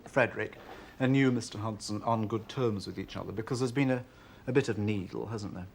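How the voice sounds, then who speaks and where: Wry man host with a gravelly edge. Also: on the low side, a little fast, a little hiss or hum. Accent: Northern English. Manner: teasing, wry questions. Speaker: TV chat show host. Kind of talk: playful interview banter.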